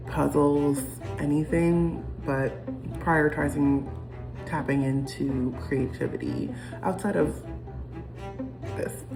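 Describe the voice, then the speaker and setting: Low-pitched with vocal fry, a young American woman rambles reflectively in a casual vlog. She talks to camera with frequent ums and restarts, and music plays behind her.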